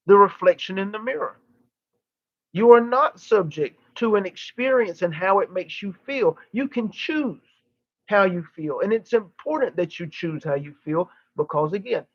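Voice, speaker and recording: High-pitched man channeling like a seance medium. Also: no echo, dull audio. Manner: oratorical, emphatic phrases broken by deliberate pauses. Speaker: channeler giving a live session. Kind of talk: channeled spiritual teaching, seance medium delivery.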